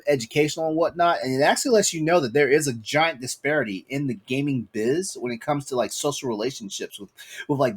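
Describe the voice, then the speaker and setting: A man hosting a casual gaming podcast, chatty and excitable, with many fillers and bursts of laughter. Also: medium pitch, slightly rough. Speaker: podcast host.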